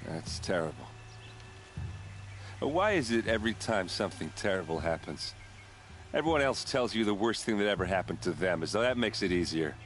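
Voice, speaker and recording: An actor playing a bitter, tipsy guard captain in grief in a video game, gruff and halting. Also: male voice, low voice, animated, a bit bright, slight background noise. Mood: bitter, grieving.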